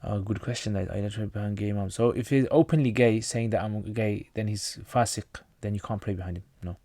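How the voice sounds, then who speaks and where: Here a man from North Pakistan, Pashto his first language, hosts a casual livestream Q&A, reading viewer questions and answering them quickly. His voice is low and his delivery plain with frequent restarts, captured close and dry with no echo.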